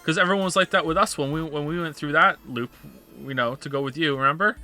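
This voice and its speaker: Male game streamer, casual and jokey, fairly high bright voice, improvised riffs. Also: fast. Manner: jokey, riffing, acts out imagined scenes. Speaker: livestreamer playing a story game. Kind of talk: casual live gameplay commentary. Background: faint game music.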